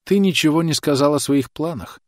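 A man's voice: a little high, a little fast, no echo, clean studio sound, voice pushed up, natural voice. A man voicing a bitter, self-pitying mother who nags her grown son in a plaintive, reproachful way.

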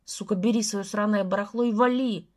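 A woman's voice: a little high, expressive, fairly quick, darkish tone, close to an everyday voice. A woman voicing a furious foul-mouthed young man. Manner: swearing, barking threats. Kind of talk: audiobook dialogue.

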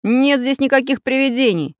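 A woman's voice: mid-range voice, expressive, a little fast, dry recording, clean studio sound, voice pushed up, lightly acted. A woman doing Samodelkin, bossy little iron craftsman. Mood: stern. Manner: loud, commanding, grumbly. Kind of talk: storybook narration.

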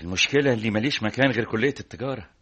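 An actor with an Egyptian accent playing an anxious, meek young student who pleads and apologizes, in a classic radio drama. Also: male voice, medium pitch, racing, a bit bright, slightly rough. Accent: Egyptian Arabic. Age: young adult. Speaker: student son.

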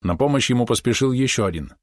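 In a clean studio with no room sound, a man with a mid-range voice narrates an audiobook. His scripted storytelling is steady and measured.

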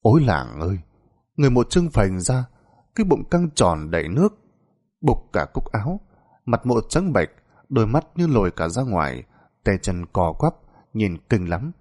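A man narrating a dark folk tale in a dramatic, expressive storytelling style. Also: lowish voice, moderate pace, pauses often.

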